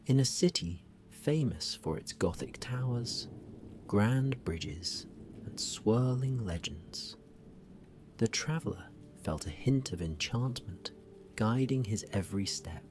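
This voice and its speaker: A man narrating a bedtime sleep story in a hushed, gentle, unhurried manner. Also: mid-range voice, expressive, noisy background.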